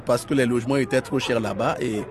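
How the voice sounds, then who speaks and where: A man's voice: medium pitch, fast talker, background noise, lightly acted. An actor playing a kindly, courteous male doctor in a radio drama, reassuring and polite. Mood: friendly, reminiscing.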